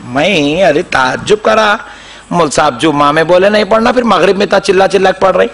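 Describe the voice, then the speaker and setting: A male preacher delivers a lively story-driven sermon to a gathered congregation. His voice sits high and rings bright and forceful. He quizzes the crowd, acts out both sides of a dialogue and slips into melodic Quranic chanting. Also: a little fast, vocal fry. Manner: animated, asks the crowd questions and acts out dialogue. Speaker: Islamic preacher.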